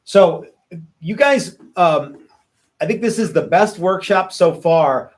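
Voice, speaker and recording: A man with a slightly high voice hosts a guitar workshop in easy, casual chat. He rambles, doubles back on his words and restarts his sentences as he talks with his students. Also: expressive, takes it slowly. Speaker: guitar-building workshop instructor and host.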